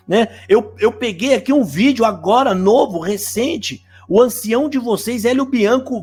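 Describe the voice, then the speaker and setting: A man with a Brazilian Portuguese accent, hosting a live stream and delivering a fast, preachy, argumentative rebuttal. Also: extremely high pitch, slightly rough. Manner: argumentative, rapid-fire, preachy. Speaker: live-stream host, evangelical critic.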